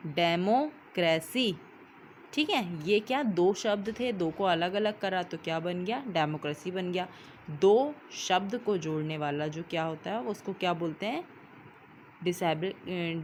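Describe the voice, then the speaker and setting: A woman's voice: on the low side, a little hiss or hum. Hindi-speaking woman teacher explaining grammar. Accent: Indian. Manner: explains step by step, ends points with "ठीक है", spells words out letter by letter. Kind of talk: recorded English grammar lesson explained in Hindi.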